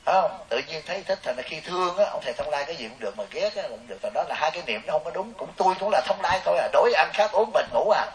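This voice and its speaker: On the high side and very fast, with hardly a pause, this monk's voice carries a jokey, story-filled dharma talk for laypeople. He brings it to life by imitating voices. The recording is hissy and far off.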